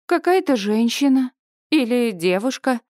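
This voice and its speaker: A woman narrating a first-person audiobook in a lively, expressive way. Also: fairly high pitch, a little slow, dry recording, studio quality.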